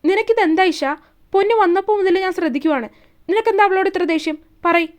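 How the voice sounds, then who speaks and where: A brusque young man, curt and scolding yet protective, as a woman reads him aloud. The voice stays high and light for a man. He clips his words short and hard. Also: fast talker, darkish tone. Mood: angry.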